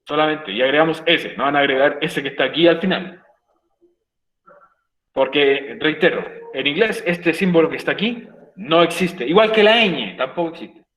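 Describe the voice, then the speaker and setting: A man with a Chilean Spanish accent teaches an online English class over a computer mic. His voice sits a bit high for a man, he stresses and repeats each rule, and keeps checking in with his students. The sound is roomy and echoey. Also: animated, normal speed, a bit bright. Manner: repeats points, emphatic, checks in with "ok?".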